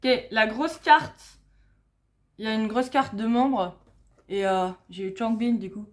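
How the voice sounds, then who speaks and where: A young woman with a slightly high voice talks casually through an unboxing, full of slang. She reads English text slowly and haltingly. Her voice is captured on a phone indoors at home. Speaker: unboxing vlogger.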